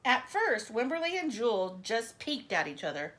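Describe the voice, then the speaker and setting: A woman's voice: fairly high pitch, moderate pace, a little hiss or hum. A woman reads a children's picture book expressively, breaking off for chatty asides to her young listeners. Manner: animated storyteller, chatty asides addressed to children.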